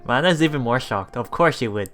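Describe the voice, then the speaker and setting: A giggly, excitable woman streams a let's play of a visual novel, reading it casually and reacting expressively. Her voice is extremely low in pitch.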